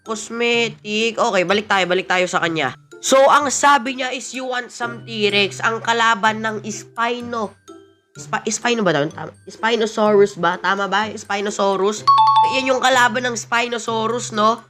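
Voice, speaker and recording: A woman giving excited gameplay commentary, mixing Tagalog and English and shouting "yo" often. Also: on the high side, moderate pace, soft background music. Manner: excitable, mixes Tagalog and English, frequent "yo" exclamations. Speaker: gaming channel host.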